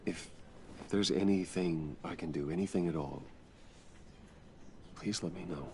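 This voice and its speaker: Deep gravelly Bruce Wayne, solemn and guarded. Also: male voice, unhurried, slight background noise. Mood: gentle, guarded. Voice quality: low, gravelly. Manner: hushed, solemn, restrained. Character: Bruce Wayne, grave grieving wealthy man, guarded and gentle. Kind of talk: dramatic video game acting.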